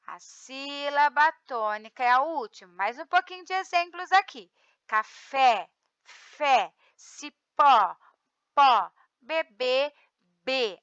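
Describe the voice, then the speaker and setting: A Brazilian woman teacher explaining grammar rules. She stresses syllables slowly and checks in with her students often. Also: high-pitched, bright, forceful tone, no room sound, lo-fi sound. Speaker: Portuguese teacher. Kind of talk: grammar review lesson.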